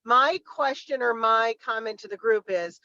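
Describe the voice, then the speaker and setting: A woman's voice: a little high, moderate pace, sharp tone, dry recording, muffled recording. A woman on a video call, talking through a car speakerphone while driving, in a chatty and eager way. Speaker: group member. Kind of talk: casual group chat.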